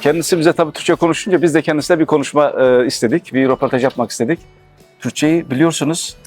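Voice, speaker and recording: Male street interviewer, rapid delivery, rough husky tone, conversational, light music underneath. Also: fairly high pitch.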